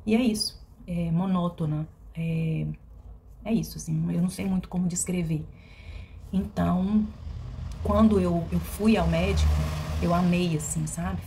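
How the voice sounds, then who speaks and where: A woman's voice: lowish voice, creaky, dark tone, slight background noise. Reflective mineira woman, hesitant speech. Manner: reflective and hesitant, with many fillers and restarts. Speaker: vlogger. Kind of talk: personal confessional vlog.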